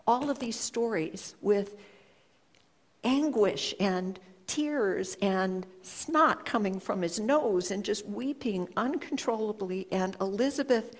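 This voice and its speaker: A woman speaks to an audience in a reflective storytelling talk. Her delivery is unhurried and earnest, with measured pauses between thoughts. Her voice sits at a mid pitch. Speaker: speaker sharing a personal story.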